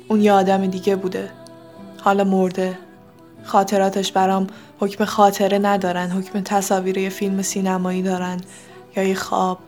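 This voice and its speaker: A woman reading a first-person story in a steady, subdued storytelling voice. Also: mid-range voice.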